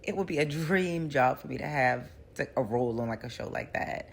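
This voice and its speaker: A woman giving a casual episode recap as a reviewer, a lively storyteller who acts out the characters' lines. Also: a bass voice, brisk, creaky, a little hiss or hum. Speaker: TV show reviewer.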